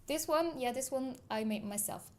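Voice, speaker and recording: This Swiss woman's voice is high with a somewhat dark tone, and she talks at a moderate pace. Chatting casually on her livestream, she reads comments from viewers and tells long, rambling stories, laughing frequently.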